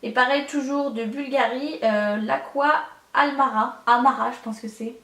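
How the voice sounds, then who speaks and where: A woman's voice: on the high side, steady tone, moderate pace, a bit bright, reverberant, recorded from a distance. A young woman chatting in a casual vlog, hesitant and full of fillers as she shows her collection. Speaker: beauty vlogger.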